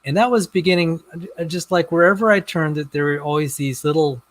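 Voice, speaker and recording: Halting man with a slightly high voice. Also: steady tone, no room sound. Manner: halting, repeats words as he restarts. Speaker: guest in a debate on creation and science. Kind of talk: casual video-call conversation.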